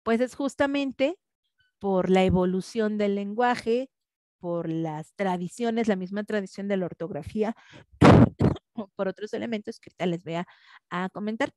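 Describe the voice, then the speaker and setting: A woman's voice: medium pitch, a little slow, a little mellow, dry recording, studio quality. A woman teaching a class in a conversational way, often checking in with tag questions. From Mexico. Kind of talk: online class lecture.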